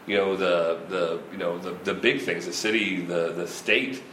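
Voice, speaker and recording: A man's voice: low voice, steady tone, moderate pace, a bit bright. A man in his fifties who organizes a festival, talking in a rambling, casual way with frequent laughs and restarts. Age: 50s. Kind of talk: casual interview chat. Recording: roomy echo with faint ambient noise.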